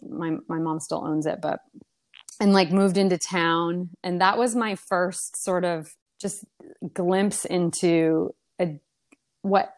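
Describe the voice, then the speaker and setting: Young woman, low-pitched, casual guest talk, rambling, full of fillers and restarts. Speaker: podcast guest. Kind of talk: casual conversational storytelling.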